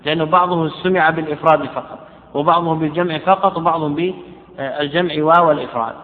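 A man teaching Quran readings in a lecture, repeating his phrases and reciting the quoted verses slowly and carefully. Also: on the high side, steady tone. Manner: repeats phrases, restarts and self-corrects while explaining. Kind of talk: classroom lecture explaining a text. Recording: tinny, echoey lecture hall recording.

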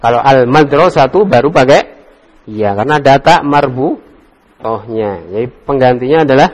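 A man's voice: mid-range voice, animated, moderate pace, in a large hall. A male religious teacher leading a classroom Arabic grammar lesson. He quizzes his students one by one and explains each answer patiently, with the odd joke. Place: classroom study circle.

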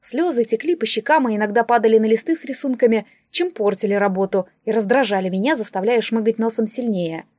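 A woman narrating a first-person audiobook in an expressive, emotional storytelling manner. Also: fairly high pitch, fast talker, few pauses, no room sound, clean studio sound.

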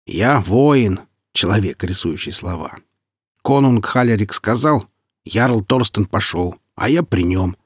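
A man reading the part of a boastful, grim northern warrior who speaks in an unhurried, mocking way. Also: fairly low pitch, animated, husky, no echo, clean studio sound.

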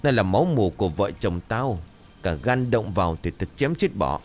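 A man's voice: lowish voice, lively intonation, normal speed, a little hiss or hum, natural voice. A man doing a fierce desperate father. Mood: furious. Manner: growling, menacing. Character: desperate drunken father defending his son, fierce.

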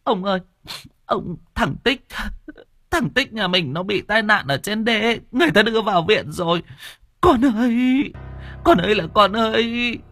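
A man's voice: high voice, expressive, measured pace, pushed and bright, dry recording, faint music behind, pitched above the performer's own voice, heavily acted. A man voicing a wailing, tearful mother. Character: distraught mother wailing for her injured son.

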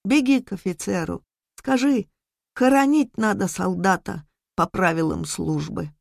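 A woman reading a story, voicing a dying old male soldier who boasts and barks commands in a lowered, gravelly voice. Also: measured pace, no room sound, studio quality. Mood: weak. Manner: loud barked commands.

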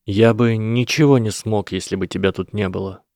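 A shy young boy wizard from a storybook, quiet and hesitant, close to the reader's own low voice, as a man reads him. A gravelly texture runs under the dry, close sound. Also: steady tone, moderate pace, no room sound, natural voice. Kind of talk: audiobook character voice.

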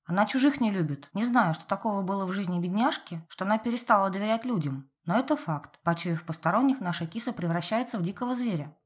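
A woman voicing a middle-aged father in an audiobook, calm and explaining. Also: mid-range voice, fast talker, few pauses, natural voice.

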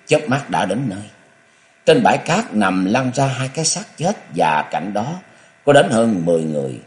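Low-voiced man, lively storytelling. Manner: expressive storytelling. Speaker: audiobook narrator. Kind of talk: narrating a martial arts novel.

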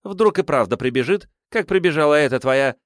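A man's voice: a little high, expressive, a little fast, dry recording, studio quality, pitched above the performer's own voice, close to an everyday voice. A man putting on a sneering older woman. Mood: spiteful. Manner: sneering, spiteful. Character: suspicious, spiteful middle-aged woman with a rifle.

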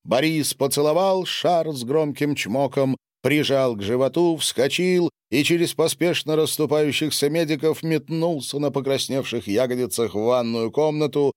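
A man reading a novel aloud as narrator in an expressive, theatrical manner. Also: mid-range voice, no echo, clean studio sound. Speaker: audiobook narrator. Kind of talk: scripted narration.

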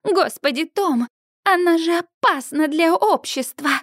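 A woman's voice: extremely high pitch, animated, unhurried, no room sound, clean studio sound, voice pushed up. A woman reading an audiobook, voicing a bossy, spiteful young bride who shrieks accusations. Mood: shrill outrage.

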